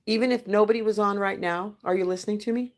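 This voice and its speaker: Her mid-range voice stays steady at a quick pace as she coaches her kids gently and patiently. This middle-aged woman is hosting a family livestream and chatting casually with her children.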